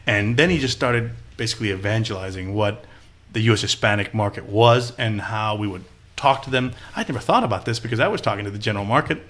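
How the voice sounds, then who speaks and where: A man's voice: on the low side, quick pace. A man from Austin, Texas, a podcast guest telling stories in a casual interview and acting out the people he quotes. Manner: animated storyteller who acts out quoted people.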